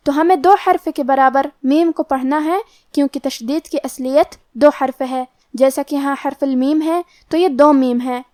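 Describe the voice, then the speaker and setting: A woman's voice: sits high, a little mellow, dry recording, clean studio sound. A woman teaching Quran recitation, methodically explaining the pronunciation rule for each letter step by step. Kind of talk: tajweed lesson, explaining pronunciation rules.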